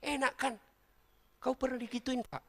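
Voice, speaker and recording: A man's voice: very high-pitched, little pitch movement, moderate pace, fairly bright tone. A middle-aged man, giving a humorous sermon to a live crowd and joking straight at his listeners. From Indonesia. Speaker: preacher.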